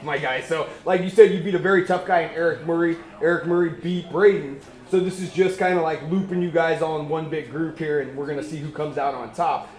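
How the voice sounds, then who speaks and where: A man hosting an upbeat pre-fight MMA interview in a slangy, teasing, chummy way. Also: a little high. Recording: echoey room.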